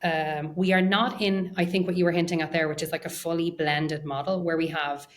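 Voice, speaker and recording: A woman with a low voice is a guest on an interview, a research and data science executive. Speaking a little fast with fairly even intonation, she explains things conversationally, thinking aloud and hedging her phrasing.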